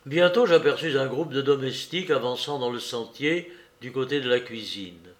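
A man narrating a classic novel in a measured, expressive way. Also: medium pitch. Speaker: audiobook reader. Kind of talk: literary narration.

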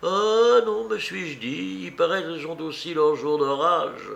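Man putting on a fussy old aunt for a storybook reading: high, sighing, slow, quavery. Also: gravelly, fairly bright tone. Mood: fretful.

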